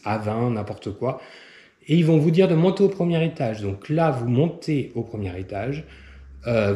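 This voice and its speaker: Hesitant man, mellow and roomy. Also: medium pitch. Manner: hesitant, many filler sounds, step-by-step advice. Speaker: travel vlogger. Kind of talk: casual explanatory travel guide. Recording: roomy echo.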